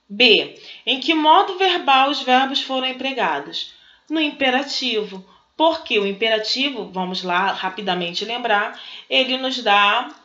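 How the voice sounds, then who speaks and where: A woman's voice: a little high, sharp tone. A woman teacher with a Brazilian Portuguese accent, explaining exercises in a recorded class. She asks questions and then answers them herself. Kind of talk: recorded online class, working through exercises. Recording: echoey room, dull lo-fi sound.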